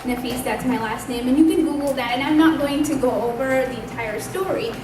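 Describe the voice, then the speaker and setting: A young woman in her twenties, from Pakistan, speaks with a bright, high voice, sharing her own story in an earnest, chatty way. She is caught from some distance in a roomy hall that echoes, with steady noise behind her. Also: brisk. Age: 20s. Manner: earnest, conversational, speaks up loudly. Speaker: invited speaker at a community event. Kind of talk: personal testimony speech. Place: community hall. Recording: echoey room, distant mic, background noise.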